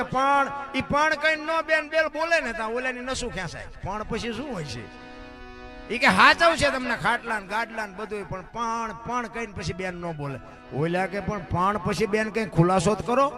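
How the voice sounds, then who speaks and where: High-voiced storyteller preacher. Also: male voice. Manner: animated storytelling, acting out villagers' voices. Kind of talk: folk storytelling sermon.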